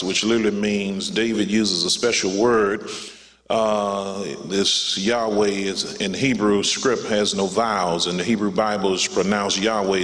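Deep-ish male pastor preaching a funeral sermon, big church echo, keeps saying child of god. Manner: preacherly, rising to a high excited pitch at the climax; addresses listeners as "child of God". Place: church sanctuary. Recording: long church reverb.

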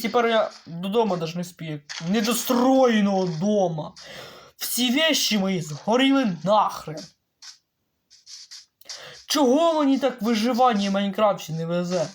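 A man talking through his gameplay in a loose, casual way. His pitch swings up and down constantly. He curses freely and shouts at the creatures on screen. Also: a little hiss or hum. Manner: excitable, swearing, yelling at game mobs. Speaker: let's play gamer.

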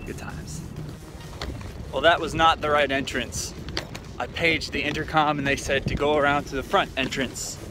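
A man's voice: a little high, fairly even intonation, moderate pace, music in the background. A young man chatting upbeat and playful into a handheld camera as he travels. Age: young adult. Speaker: vlogger. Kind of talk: casual travel vlog. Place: airports, plane, car, hotel room. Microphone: handheld camera at arm's length.

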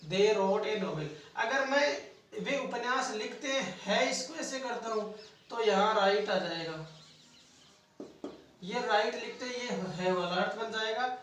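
A man's voice: high voice, lively intonation, slow, a bit bright, far from the mic, a little hiss or hum. A man teaching a grammar lesson, asking questions and then answering them himself. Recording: echoey room, voice from off-mic.

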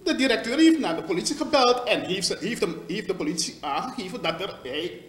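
A man's voice: sits high, lively intonation, brisk, roomy sound. A man interviewed for a news report, speaking emphatically. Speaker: company employee interviewed.

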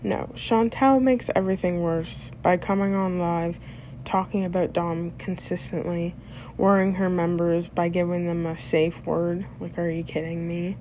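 A woman's voice: lowish voice, fairly even intonation, a little slow, darkish tone, slight background noise. A woman hosting a reaction video, giving sarcastic commentary that rebuts the clip.

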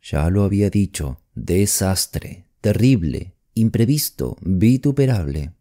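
A man's voice: low-pitched, animated, takes it slowly, warm tone, exaggerated voice. A man reading an audiobook voices a worried, decisive middle-aged mother who speaks firmly and with emphasis. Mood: urgent. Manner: urgent, firm, emphatic. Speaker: audiobook narrator voicing a character. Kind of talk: audiobook character voice.

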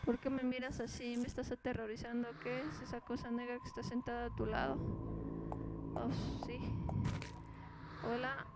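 A woman's voice: a little high, moderate pace, pauses often, very noisy. A woman streaming a horror game, reading its dialogue aloud and breaking off with startled exclamations. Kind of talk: let's play commentary, reading game text aloud. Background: game music.

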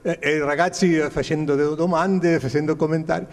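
Halting older Spanish-accented man in an echoey hall. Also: on the high side, steady tone. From Spain. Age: 70s. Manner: halting, searching for words in non-native Italian. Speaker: guest speaker. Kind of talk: informal recollection addressed to an audience. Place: large glass-walled hall, indoors. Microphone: handheld microphone.

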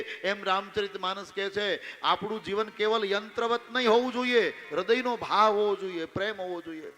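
A man's voice: high-pitched, bright, forceful tone. A man with a Gujarati accent preaching a devotional sermon, telling the story expressively and speaking straight to his audience. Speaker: Ram Katha preacher. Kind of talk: devotional sermon with sung verses.

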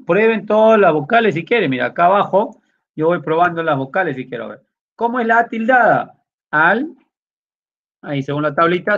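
A man's voice: fairly high pitch, a bit bright. A man teaching a computer class, walking students through each step and checking in with short questions. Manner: explaining step by step, with many tag questions. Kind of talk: classroom lesson. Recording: dull lo-fi sound.

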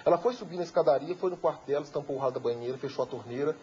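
A man's voice: a little high, rapid-fire, darkish tone, a little hiss or hum. A man from Belo Horizonte, a talk show guest telling an emotional story and acting out the voices in it. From Belo Horizonte, Brazil. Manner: vivid storyteller who acts out quoted voices. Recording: dull lo-fi TV recording.

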